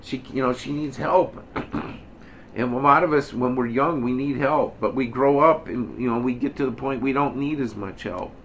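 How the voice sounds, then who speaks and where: An older man gives a conversational sermon in a mid-pitched voice, plain-spoken and folksy, with a faint hiss of noise behind him. His delivery swells when he acts out quoted speech. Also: moderate pace, a bit bright. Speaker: minister.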